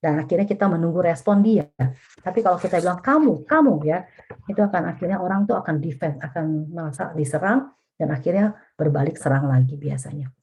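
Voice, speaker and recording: A woman's voice: fairly low pitch, fast, warm tone, husky. A middle-aged woman, a vicar, teaching a family webinar in a casual, colloquial way, often addressing her listeners directly.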